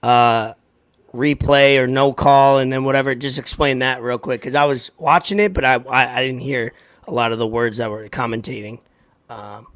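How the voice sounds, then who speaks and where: A man in his thirties with a raspy, hoarse voice, hosting a sports podcast in a halting, informal chat. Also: medium pitch, steady tone, a bit bright. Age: 30s. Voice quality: raspy, worn voice. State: hoarse from partying.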